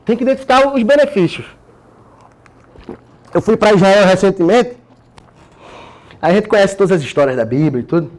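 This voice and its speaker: High-voiced Brazilian man, energetic. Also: normal speed, pauses often. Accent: Brazilian Portuguese. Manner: energetic, frequent tag questions and slang. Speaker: course participant sharing his method. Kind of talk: casual explanatory talk.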